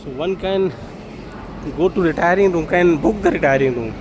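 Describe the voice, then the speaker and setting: Here a male travel vlogger with an Indian accent talks informally while moving through a public railway station, his voice a little high and his pace moderate. He explains things in a hesitant, repetitive way over the bustle of crowds and vehicles.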